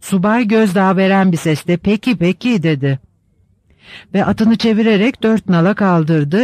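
Brief: steady male narrator for a novel, high voice, dry close sound. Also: no room sound. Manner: steady, even reading. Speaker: audiobook narrator. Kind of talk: scripted literary narration.

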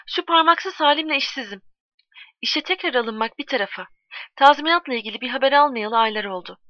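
A woman's voice: sits high, lively intonation, a little fast. A worn-down working man, read aloud by a woman, talks in a weary, troubled voice after a family loss. The recording is dull and close, with no echo.

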